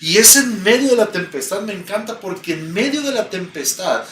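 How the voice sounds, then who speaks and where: A man's voice: high-pitched, lively intonation, normal speed, a bit bright. A man with a Mexican accent preaching a sermon in a church, emphatic and repeating key phrases. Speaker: pastor. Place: church sanctuary. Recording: echoey church, distant mic, faint background hum.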